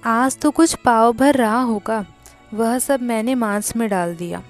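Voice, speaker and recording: A woman voicing a proud young wife from a wealthy family in a storybook reading, answering with sharp, dignified retorts. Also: a little high, measured pace, faint music behind, lightly acted.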